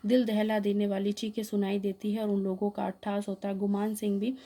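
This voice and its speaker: A woman's voice: mid-range voice, little pitch movement, fairly quick, mellow. A woman teacher reads a play aloud for her class and explains the action, with small hesitations. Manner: explanatory reading with fillers.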